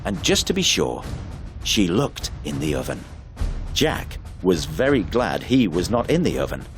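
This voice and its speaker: A man narrating a fairy tale in an expressive, unhurried storybook reading. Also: medium pitch, gravelly, faint music behind.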